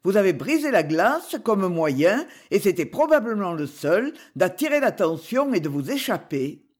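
A woman playing a measured, formal old lawyer. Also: medium pitch, big pitch swings, a little mellow, slightly rough. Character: fussy, fair-minded older male lawyer. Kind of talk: audiobook character reading.

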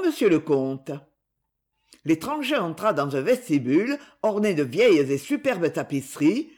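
Lively woman reading a novel aloud. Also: on the low side. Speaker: volunteer audiobook reader. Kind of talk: novel narration.

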